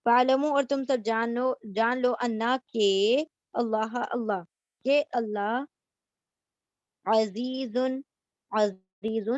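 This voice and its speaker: A woman's voice: medium pitch, no room sound, highs cut off. A woman giving a Quran lesson word by word, repeating each gloss and asking questions as she explains.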